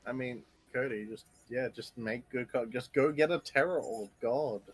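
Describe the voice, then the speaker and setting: A man's voice: medium pitch, normal speed, husky, no room sound. A man on voice chat with a friend, teasing him dryly in casual banter. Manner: dry, teasing.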